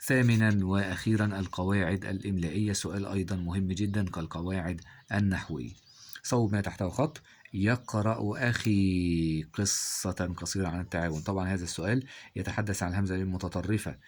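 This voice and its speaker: A male teacher with an Egyptian Arabic accent, walking through exam answers and prompting listeners with quick questions. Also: sits low, fairly even intonation, a little hiss or hum. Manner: quizzing listeners with rhetorical questions. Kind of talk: exam review lesson.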